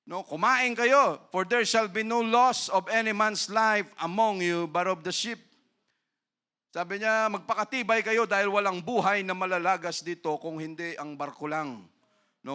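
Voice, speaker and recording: A male pastor from the Philippines preaching a sermon, dropping to soft asides and rising to loud, urgent exhortation, with English scripture lines mixed in. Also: high-pitched, clean tone.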